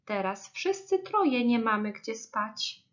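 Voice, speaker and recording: A woman's voice: fairly high pitch, very animated, takes it slowly, a bit bright, dull audio, exaggerated voice. A woman voicing a greedy but well-meaning little rabbit in a storybook reading, eager and pleading.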